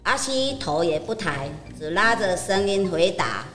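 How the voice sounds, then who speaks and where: An older woman narrating a children's story gently. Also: on the low side, very animated, measured pace, big-room sound, faint music behind.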